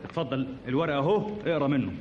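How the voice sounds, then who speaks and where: A man's voice: mid-range voice, very fast, muffled recording, close to an everyday voice. A man playing a clumsy, nervous stagehand with an Egyptian accent in a 1950s radio comedy sketch, speaking in an overdone, stumbling way. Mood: comic. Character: clumsy nervous male stagehand, eager but hopeless. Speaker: bumbling assistant in a radio sketch. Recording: noisy old radio archive, live audience.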